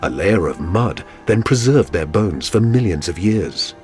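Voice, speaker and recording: Deep, dramatic male documentary narrator. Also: lively intonation, a little slow, a little mellow, soft background music.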